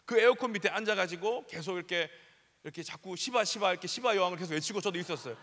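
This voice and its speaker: A man in his thirties, a youth pastor, telling funny stories in a lively sermon in a large church. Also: high-pitched, racing. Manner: animated, joking, acts out scenes. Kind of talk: storytelling sermon. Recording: long hall reverb.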